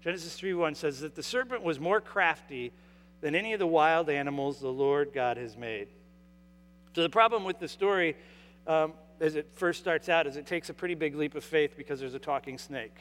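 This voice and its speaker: A man's voice: fairly high pitch, moderate pace, a bit bright. A male pastor delivering a sermon in a church sanctuary during a service, speaking earnestly and often restarting or repeating words as he talks. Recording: long reverb from a large hall.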